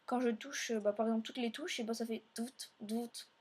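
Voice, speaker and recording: Talking fast in a steady, rather dark tone, a woman with a fairly high voice narrates her let's play. Her commentary meanders and is full of fillers, and she addresses viewers directly.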